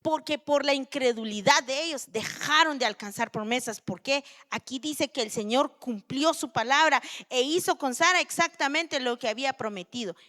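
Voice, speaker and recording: A woman preacher giving a sermon at a church vigil, animated and speaking directly to the congregation. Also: sits high, moderate pace, few pauses. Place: church service.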